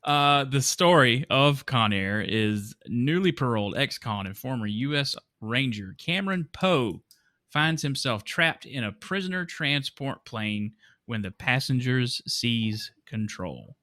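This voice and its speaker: Bright-voiced male podcast host. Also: mid-range voice, expressive, unhurried, no room sound, clean studio sound. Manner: chatty, laughs often. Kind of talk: casual movie podcast chat.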